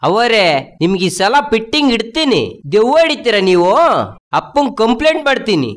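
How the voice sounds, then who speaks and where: An actor playing a grumbling comic servant who complains and flatters his boss in a whiny, wheedling way. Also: very high voice, fairly quick. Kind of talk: comic film dialogue.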